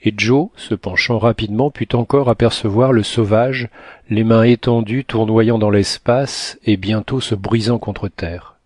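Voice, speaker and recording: A man narrating an adventure novel as a scripted audiobook, reading in a steady, measured way. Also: fairly low pitch, no room sound.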